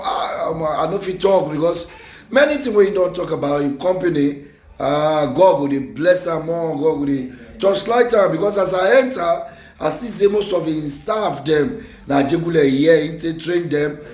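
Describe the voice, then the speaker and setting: A man's voice: a little high, darkish tone. A man with a Nigerian accent hosting an interview in Nigerian Pidgin, effusive and full of blessings. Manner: effusive, repeatedly giving blessings. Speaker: interviewer, TV host. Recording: echoey room.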